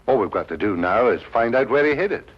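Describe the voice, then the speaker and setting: An actor playing a self-assured police inspector who talks in a blunt, dismissive way. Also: male voice, mid-range voice, expressive, fast, breathy edge. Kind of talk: 1950s TV drama acting. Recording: dull 1950s TV soundtrack.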